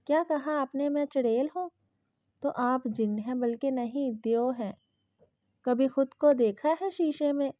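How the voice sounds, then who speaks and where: A woman voicing a frightened, childlike young wife who pleads softly and then bristles, in a dull lo-fi recording. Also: sits high, no room sound, lightly acted. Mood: indignant. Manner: timid and pleading, then indignant.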